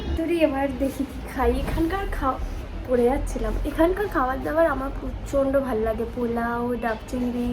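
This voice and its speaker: A woman's voice: sits high, brisk, reverberant, very noisy. A young woman from Kolkata with a Kolkata Bengali accent, chatting casually to camera in a family vlog, mixing English words into her Bengali. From Kolkata, India. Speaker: vlogger. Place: home rooms and a restaurant.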